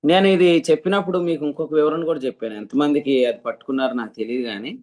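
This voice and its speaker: A man's voice: fairly high pitch, steady tone, fast, darkish tone. Man preaching a teaching sermon. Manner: questions the listeners, explains with examples. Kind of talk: teaching sermon to an online group.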